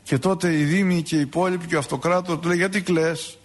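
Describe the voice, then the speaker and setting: A man's voice: a little high, steady tone. A male priest giving a sermon on saints' lives, in a conversational way with asides and rhetorical questions.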